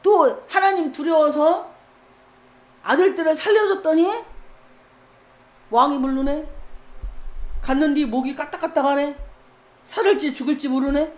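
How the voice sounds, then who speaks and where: A woman preacher delivering a sermon with animated storytelling, acting out scenes as she goes. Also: high voice, measured pace, pauses often.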